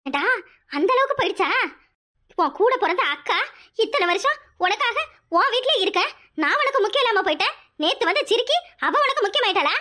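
A high-voiced performer playing a bitter, scornful widowed elder sister in a family-serial dub. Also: sing-song, fairly quick, exaggerated voice. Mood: hurt. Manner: sharp, scornful.

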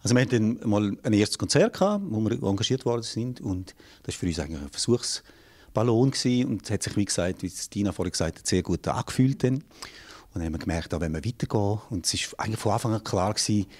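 A jazz singer and yodel teacher in his forties from the St. Gallen Rhine Valley in Switzerland answers interview questions thoughtfully in a small studio room, his Swiss German accent clear. His lowish, darkish voice is expressive and fast, restarting phrases as he searches for words, into a handheld mic held by the interviewer.

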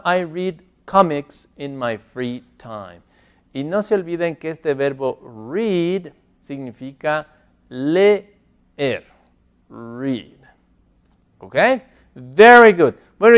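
A man who speaks Spanish natively, teaching an English lesson, modelling phrases slowly and repeating them with care. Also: on the high side, clear, resonant tone. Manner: slow, careful modelling of English phrases with repetition. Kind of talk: classroom lesson. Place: classroom with a board.

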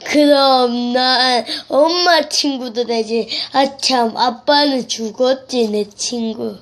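A child voicing a rough-voiced ghost who tricks a kid into opening the door, teasing and playful. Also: male voice, very high voice, slow, fairly bright tone, exaggerated voice. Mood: coaxing. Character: rough-voiced male ghost pretending to be a woman.

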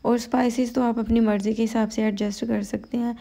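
Female vlogger from Pakistan, Pakistani Urdu accent, tired and soft-spoken, flat dark voice for a cooking voice-over. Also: on the high side, gravelly. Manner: slow, quiet, unhurried talk, full of "you know" fillers. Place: home at night, voice-over.

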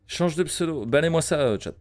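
A man's voice: on the high side, lively intonation, brisk. A man in his thirties doing casual live game commentary, muttering to himself and talking to his chat. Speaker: game streamer.

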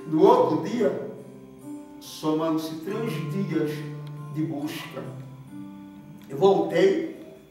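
Older Paraíba man, slow earnest memoir, roomy echo, guitar behind, mic at a distance. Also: fairly high pitch, warm tone. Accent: Northeastern Brazilian, Paraíba. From Brazil, Paraíba. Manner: rambling, earnest, with frequent "né?" asides. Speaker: storyteller recounting his life. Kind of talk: slow, emotional spoken memoir. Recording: echoey room, distant mic, guitar music. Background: guitar music.

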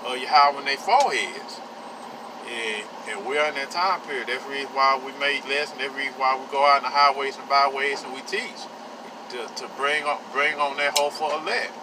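A man giving an informal sermon from inside a moving vehicle, halting and full of fillers and restarts, recorded on a phone on the dashboard. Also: mid-range voice. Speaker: street preacher. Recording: loud road and engine noise in a car.

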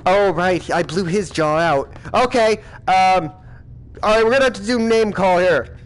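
High-pitched guy playing a villain boss, mock stern and fed up. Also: unhurried, a little hiss or hum. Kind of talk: comedic gaming role-play.

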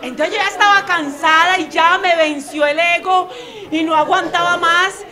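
A young Colombian woman tells a stand-up story in a high voice. She acts out the other people's voices with animated energy and laughs along as she goes. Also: normal speed, a faint crowd. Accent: Colombian Spanish. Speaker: stand-up comedian.

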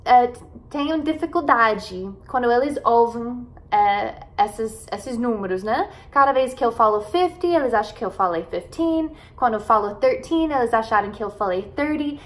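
An American woman whose first language is English, teaching an online pronunciation lesson. She draws out each model word and keeps checking in with "ok?" and "né?". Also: high-pitched. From United States. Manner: slow, drawn-out model pronunciations with frequent "né?" and "ok?" checks.

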